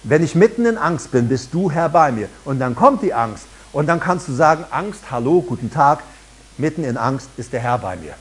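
Middle-aged male pastor, husky voice, sermon delivery with big swings of pitch. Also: very animated, normal speed. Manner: preaching emphatically with rising and falling delivery.

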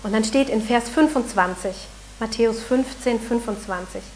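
A woman preaching a sermon in an earnest, animated way, sometimes acting out the voices she quotes. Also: fairly high pitch, moderate pace, slight background noise, rough recording.

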